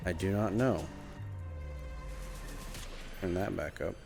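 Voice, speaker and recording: A man's voice: sits low, takes it slowly, vocal fry. A man streaming, chatting casually to himself and thinking aloud. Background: faint music.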